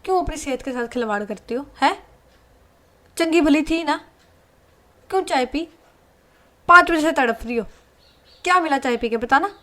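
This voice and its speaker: A bossy young woman in a spoken love story, scolding and pressing with firm questions, as a woman narrator puts her on. The voice is fairly high and close to the teller's own. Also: expressive, moderate pace, pauses often, pushed and bright.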